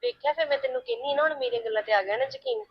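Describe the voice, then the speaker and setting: A woman's voice: sits high, sing-song, rapid-fire, muffled recording. A woman acting a bossy friend who gives firm advice over the phone in a family web drama. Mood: advising. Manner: bossy, advising.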